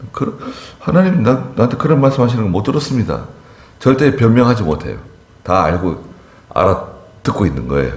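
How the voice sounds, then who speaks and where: A male pastor preaching a sermon in an emphatic, animated way, often turning to the congregation with asides. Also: low-pitched. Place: church sanctuary. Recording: echoey church hall.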